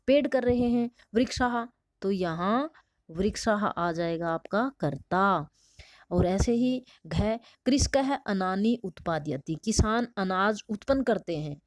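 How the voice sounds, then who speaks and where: A woman's voice: medium pitch, darkish tone, no echo. Patient woman teacher, dry sound. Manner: patient, asks and answers her own questions. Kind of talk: explaining a textbook lesson.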